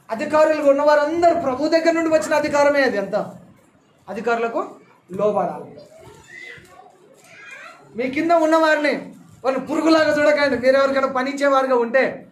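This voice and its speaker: Pastor guy preaching a sermon, really high voice for a man, keeps repeating his points, echoey church sound. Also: slight background noise. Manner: repeats key phrases for emphasis; addresses the congregation directly with questions. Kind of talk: sermon with scripture reading. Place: church hall.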